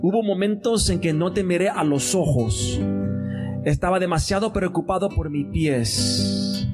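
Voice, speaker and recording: Puerto Rican male poet, spoken word, high voice, live bar mic with guitar. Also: a little slow. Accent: Puerto Rican Spanish. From Puerto Rico. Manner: chatty, loose intro with English "so" fillers. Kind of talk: spoken word poetry reading. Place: bar event space, indoors. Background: guitar music.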